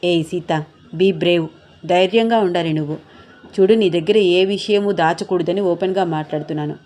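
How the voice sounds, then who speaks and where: A woman's voice: mid-range voice, steady tone, brisk, darkish tone, close to an everyday voice. A woman voicing a kindly woman gynecologist who speaks frankly and encouragingly.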